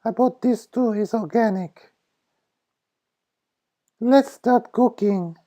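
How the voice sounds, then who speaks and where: A woman's voice: on the high side, takes it slowly, dark tone. A woman presenting a cooking show, listing ingredients without hurry and addressing viewers affectionately, with dull lo-fi sound. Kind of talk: recipe ingredient narration.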